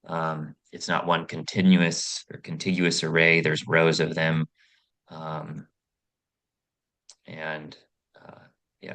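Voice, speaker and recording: A man testifying for an applicant at a public hearing, speaking in a halting, hesitant way. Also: extremely low pitch, vocal fry, a bit bright.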